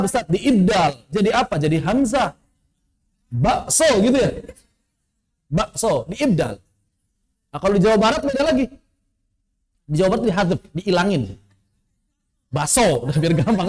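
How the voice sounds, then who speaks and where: High, lively teacher. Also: male voice. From West Java. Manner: quizzing students, rhetorical questions, chuckles. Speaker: Quran recitation teacher. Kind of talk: online tajwid lesson. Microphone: online class recording.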